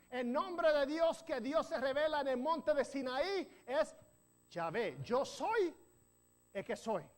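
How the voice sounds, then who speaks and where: Man preaching a teaching sermon. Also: extremely high pitch. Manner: teaching, checks in with the congregation; joking asides and self-corrections. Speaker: pastor.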